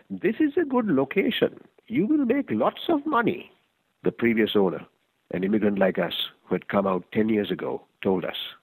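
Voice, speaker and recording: A man reading a first-person short story aloud in a measured, reflective way. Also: lowish voice, gravelly, husky, no echo, rough recording. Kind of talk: scripted story narration.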